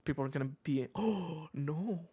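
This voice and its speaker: Streamer rambling and guessing out loud, cursing a bit, mid-pitch voice, relaxed game stream. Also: moderate pace, breathy edge. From Switzerland. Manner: thinks aloud, swears, jokes, rambles while guessing. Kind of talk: casual gaming stream chat.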